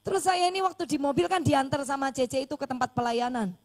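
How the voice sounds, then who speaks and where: High-voiced woman pastor telling a story. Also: fast. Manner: animated storytelling, acting out dialogue. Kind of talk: sermon storytelling.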